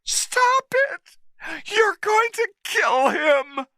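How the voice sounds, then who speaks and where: A young woman's voice, pitched far up and crying out in desperate pleas, as a male storyteller puts her on. The delivery is slow and drawn out, with a bright edge, in a dry close recording. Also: sing-song, no room sound, exaggerated voice. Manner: high cries, shouting.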